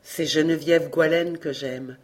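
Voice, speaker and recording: A reader voicing an earnest young fisherman in love in an audiobook, speaking low and pressing. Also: steady tone, measured pace, natural voice. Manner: warm, pressing, playful. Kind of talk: audiobook reading.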